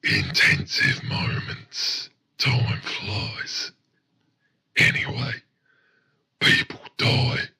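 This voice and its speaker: A man performs a full character voice as a brooding, menacing serial killer in a dark spoken-word monologue. His cold delivery is breathy and half-whispered, coming out slowly in fragments.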